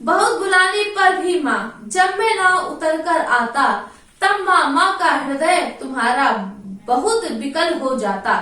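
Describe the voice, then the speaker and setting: A woman teacher with a high, lively voice reads a poem line by line and explains each part simply for children. Her voice sounds far from the mic, with a strong echo in the room around her. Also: slow pace. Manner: recites poem lines then explains them simply to children. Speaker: school Hindi teacher. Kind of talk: online class, reading and explaining a poem.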